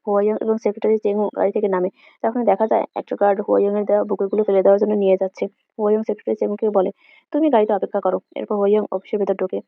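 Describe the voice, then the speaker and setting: A woman's voice: medium pitch, creaky, no room sound, phone-quality sound. A woman narrating a drama episode recap as a story, reading every character's lines in nearly her own voice. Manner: reads all characters' lines in her own voice with little change.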